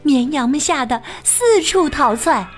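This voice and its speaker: A woman teacher reading a children's picture book aloud, expressive and sing-song with plenty of exclamations. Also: high voice, a little slow, faint music behind. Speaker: storyteller teacher.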